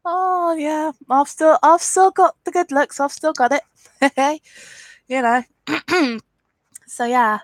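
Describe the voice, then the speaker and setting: A high, slow-paced voice belongs to a woman in her twenties from England, speaking with an Essex accent and sounding sniffly from a cold. She hosts a live YouTube Q&A, reading comments in a chatty, rambling way and answering frankly, even defiantly when trolls appear. There's no room sound.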